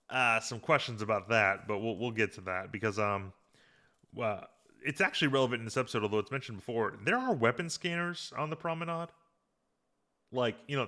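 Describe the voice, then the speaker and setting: A man's voice: fairly low pitch, sharp tone. A man hosting a podcast, casually recapping an episode with rambling restarts and fillers. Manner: rambling, many restarts and fillers, reads out quotes. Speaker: podcast host.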